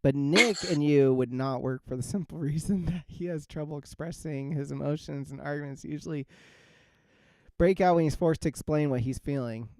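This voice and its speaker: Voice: medium pitch, moderate pace. A podcast host chatting casually, rambling through fillers and breaking into laughter.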